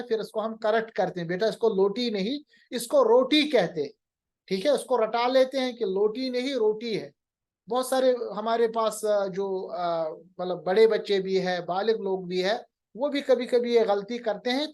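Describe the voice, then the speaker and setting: A man's voice: high-pitched, moderate pace, darkish tone. A man teaching Quran recitation in a recorded lecture, patiently explaining, mixing in English terms and drawing out sounds to demonstrate them.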